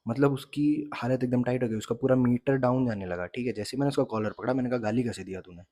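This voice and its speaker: A man's voice: medium pitch, fast, mellow, dry recording. A young man vlogging and telling a story in a casual, chatty way, mixing in English phrases. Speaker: fitness vlogger.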